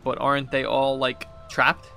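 His delivery is completely flat and measured, medium in pitch, with vocal fry and a bright, forceful edge. He's a gaming streamer in his thirties doing casual, playful commentary with exaggerated read-outs, easily exasperated, as game music runs behind him.

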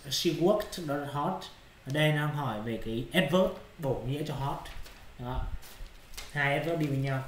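A man's voice: a little high, reverberant, slight background noise. A male English teacher explaining exercise answers in Vietnamese, often checking whether students follow. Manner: repeats checking questions to students.

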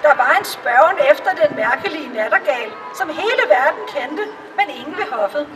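A woman reading a fairy tale aloud in a calm storytelling manner. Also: high voice, far from the mic, a crowd in the background, noisy background. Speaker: reader.

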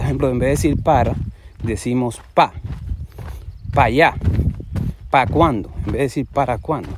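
A man's voice: medium pitch, noisy background. A man from the Dominican Republic with a Cibao accent, giving unscripted religious commentary to camera and rambling from one point to another with frequent restarts. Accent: Dominican, Cibao region.

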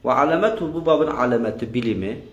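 A man's voice: mid-range voice, lively intonation, quick pace, muffled recording. A man teaching a grammar lesson, drilling his students with questions and repeating their answers. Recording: echoey room.

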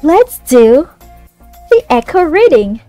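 Very slow, high-voiced woman teaching. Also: sing-song, dark tone, no room sound. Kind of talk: scripted lesson narration and poem reading for young children. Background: music.

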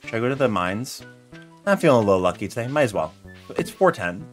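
A young man from the US talks fast in a medium-pitched voice during a gaming live stream from a small home room. Chatty and animated, he tells stories and reads chat aloud over faint game music.

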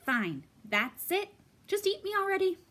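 A woman's voice: very high-pitched, very animated, moderate pace, a bit bright, heavily acted. A woman voicing a small, stubborn bunny from a children's picture book, in an indignant, dramatic manner. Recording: echoey room, faint background noise.

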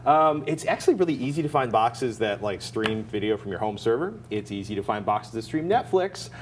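Fairly quick and animated, the lowish voice belongs to an American man in his forties co-hosting a tech show. He talks casually in an indoor TV studio, mixing tech chat with sponsor reads, over slight background noise.

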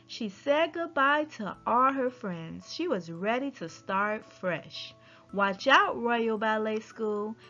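Reading a rhyming children's picture book aloud, a woman with a somewhat high voice narrates slowly and deliberately, her intonation rising and falling with animation. Soft music plays behind her, and the lo-fi recording sounds dull and a bit muffled.

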